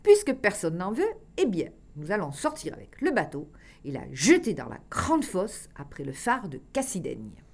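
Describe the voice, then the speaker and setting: A woman voicing a grumpy, hot-tempered male fisherman who bursts out loudly. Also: on the low side, huge pitch swings, moderate pace, vocal fry, exaggerated voice. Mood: exasperated. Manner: loud, exasperated outbursts.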